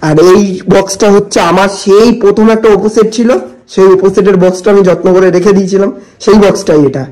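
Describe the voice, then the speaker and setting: A young man talks to camera for his prank vlog. His voice sits very high and he rattles along quickly. He pleads and teases, repeating himself again and again. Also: steady tone, a little mellow. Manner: pleading, repetitive, teasing. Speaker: vlogger.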